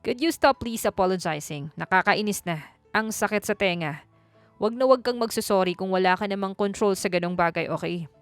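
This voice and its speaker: A woman's voice: medium pitch, fairly quick, smooth, dry recording, soft background music, natural voice. A woman voicing a hungover, grumpy rich young man who speaks curtly and coldly in a storybook reading. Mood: irritated. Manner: curt, cold and commanding.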